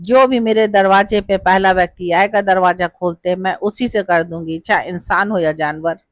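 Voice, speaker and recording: A woman voicing a cruel, bitter mother in a spoken Hindi folk tale, scolding in a shrill voice. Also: steady tone, moderate pace, no room sound, clean studio sound, lightly acted. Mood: angry. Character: harsh, bitter poor mother, middle-aged.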